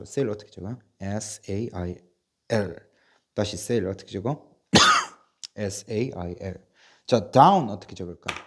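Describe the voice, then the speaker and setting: A male English teacher running a patient spelling drill, spelling words out slowly letter by letter and coughing now and then from a sore chest. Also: on the low side, dark tone, slightly rough. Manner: patient, repetitive, asks and answers himself. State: coughing, bronchial trouble. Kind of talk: slow spelling drill lesson.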